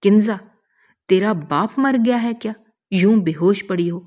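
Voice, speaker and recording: Brief: woman reading a young husband, warm but short-fused, low-voiced. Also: dull audio, natural voice. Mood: angry. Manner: scolds loudly, then softens. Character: young husband, loving but quick-tempered. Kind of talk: emotional story reading.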